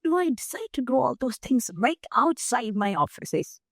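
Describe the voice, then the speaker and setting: An older woman with an Indian accent, speaking as a guest in an interview, measured and emphatic as she explains through lists of examples. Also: a little high, very animated, a bit bright, dry recording, studio quality. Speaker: guest, nonprofit founder. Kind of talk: interview conversation.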